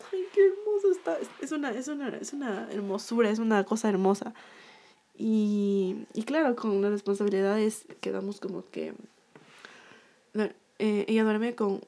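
Gravelly-voiced young woman telling a story. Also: mid-range voice, a little mellow. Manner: chatty, repeats herself, frequent fillers and restarts. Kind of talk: casual storytelling to viewers.

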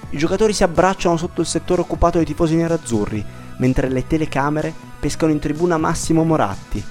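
A man's voice: a little high, animated, fast, darkish tone, soft background music. Italian male narrator, dramatic sports storytelling.

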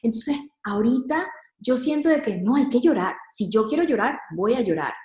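A woman's voice: on the high side, animated, normal speed, darkish tone, reverberant. A woman speaking earnestly and reflectively about motherhood in casual conversation, dropping in English words now and then.

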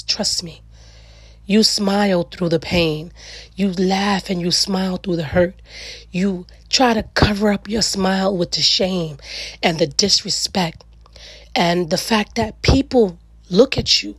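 Middle aged lady podcast host, gravelly raspy voice, talks slow n earnest, really dry close sound. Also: medium pitch, dry recording. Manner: earnest, emphatic, deliberate with weighty repeated phrases. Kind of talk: solo reflective talk to listeners.

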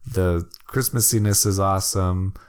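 A man's voice: deep voice, fairly even intonation, normal speed, smooth. A man co-hosting a casual movie chat, rambling and enthusiastic, laughing often. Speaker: podcast co-host.

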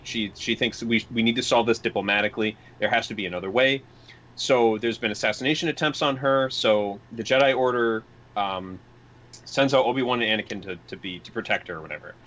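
A man's voice: fairly low pitch, fairly bright tone. A man in casual chat about a film, rambling with frequent restarts and quoted asides. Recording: dull lo-fi recording.

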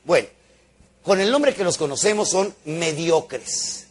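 A man's voice: a little high, expressive, slow pace, a little hiss or hum. A man giving a motivational talk to a live audience, a theatrical, joking storyteller who acts out voices and sounds. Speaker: motivational speaker.

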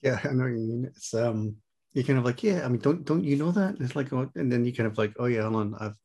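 A man's voice: medium pitch, lively intonation, fast, vocal fry, warm tone. A man hosting a podcast, asking long rambling questions in a friendly, casual way. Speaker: podcast host. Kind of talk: casual interview chat.

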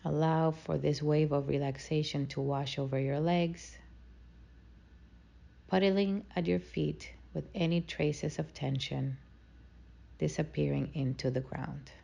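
A woman leading a guided meditation in a slow, soothing, calming manner. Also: deep voice, gravelly, breathy edge.

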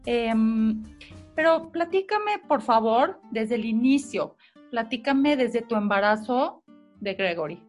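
A woman hosting an interview, gently prompting her guest and politely interrupting to ask questions. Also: a little high, lively intonation, slow pace, soft background music. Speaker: host.

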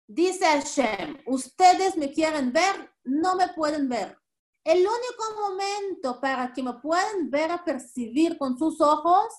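Woman teacher, high and very animated voice, asks herself questions, acts out voices. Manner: asks and answers her own questions. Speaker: religious teacher; mother. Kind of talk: spoken religious lesson.

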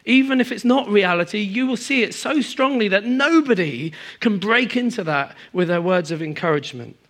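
A man preaching a sermon to a congregation, moving between emphatic high passages and quiet, low stretches. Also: moderate pace. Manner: animated, swings from emphatic highs to quiet low asides. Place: church hall in front of a congregation.

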